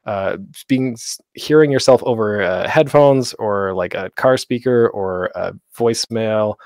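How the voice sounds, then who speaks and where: A man's voice: on the low side, a little mellow, no room sound. Man giving a dry, close-mic presentation. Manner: explains with frequent um fillers, sometimes deliberately staccato. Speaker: convention panel host. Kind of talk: online presentation talk. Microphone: desk microphone with a noise gate.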